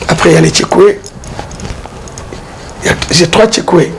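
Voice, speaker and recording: A man, an art dealer and collector, explaining his pieces in a casual interview, halting and repeating words as he goes. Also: fairly high pitch, creaky. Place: exhibition hall with his collection. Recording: noisy background hiss.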